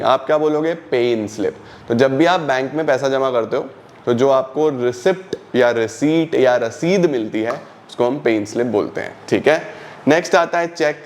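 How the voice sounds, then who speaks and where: A man's voice: fairly high pitch, darkish tone. A young man teaching an online accountancy lesson, explaining step by step and asking and answering his own questions. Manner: reads English definitions slowly, explains in Hindi.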